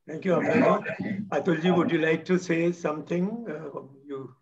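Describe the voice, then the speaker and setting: Hosting a memorial gathering, a retired man in his sixties with an Indian English accent hands the floor to speakers, cracks light jokes, and slips into Hindi as a warm moderator. His voice is fairly high, his pace normal, and the recording lo-fi.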